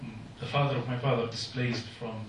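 A man's voice: mid-range voice, fairly even intonation, distant mic, a little hiss or hum. Earnest man speaking in an echoey hall. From Jordan. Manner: earnest, halting non-native English. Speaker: speaker at a public meeting. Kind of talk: public speech. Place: meeting hall.

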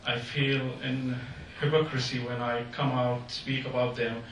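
A mid-range male voice with a level, fairly bright tone carries through an echoey meeting hall. The speaker, from Jordan, addresses a public meeting earnestly in halting non-native English. Recorded from a distance, with slight background noise.

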